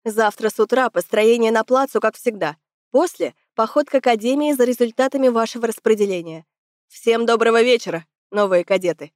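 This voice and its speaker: A stern male academy commander addresses new cadets in a measured, formal way, voiced by a woman. His tone is firm and official, and the sound is dry and close. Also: a little high, dry recording, close to an everyday voice.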